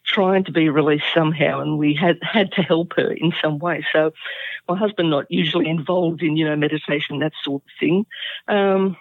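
A woman recounts a personal story in an earnest, halting way, full of fillers and restarts. Her voice comes over a tinny, phone-like line. The sound is dry, with no room around it. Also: low-pitched, fairly even intonation, dry recording. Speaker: interview guest.

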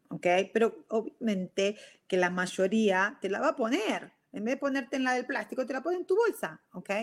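A middle-aged woman with a Rioplatense Spanish accent hosts her own show and tells a personal story in a lively, conversational way. She slips English words into her speech now and then. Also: mid-range voice. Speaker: show host. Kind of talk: casual storytelling monologue.

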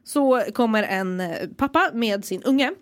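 A woman's voice: on the high side, expressive. A woman chatting on a podcast, playful and teasing as she jokes with her co-host. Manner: playful and teasing, laughs often. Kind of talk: casual chat.

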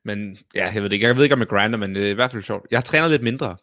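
A man's voice: fairly low pitch, no echo. Casual Danish-speaking podcast man, dry sound. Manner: animated storytelling, swears casually. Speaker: podcast co-host. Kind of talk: casual chat.

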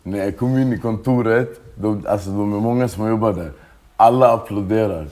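A man's voice: on the low side, darkish tone. A man, telling his story as a guest in a casual interview, swearing often and restarting his sentences. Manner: street slang, swears often, halting restarts.

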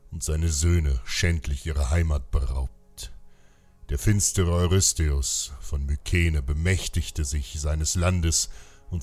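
A man's voice: rumbling low, darkish tone. A man narrating an ancient war story with grave, rousing delivery. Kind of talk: dramatic epic narration.

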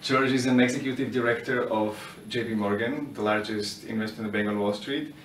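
A man's voice: lowish voice, fairly even intonation, normal speed, slight background noise. A man hosting an interview, explaining topics and asking questions in an earnest way. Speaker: podcast host. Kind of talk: interview hosting and intro monologue.

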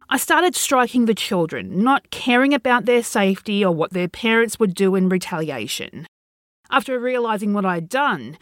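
A woman narrating a first-person horror story in an expressive reading. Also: medium pitch, dry recording.

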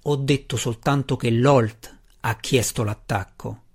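An ancient, withered matron mother who rules the room with a few curt words, read by a man. Calm and commanding, she speaks as the final authority in an audiobook fantasy. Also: medium pitch, slow, slightly rough. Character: old withered powerful dark elf matron mother. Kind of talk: audiobook reading.

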